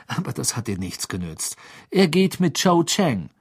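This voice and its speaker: In a storybook reading, a man doing a steady teenage boy wizard who reassures his friend. The voice is a little husky, with lively pitch. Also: unhurried, exaggerated voice. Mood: consoling.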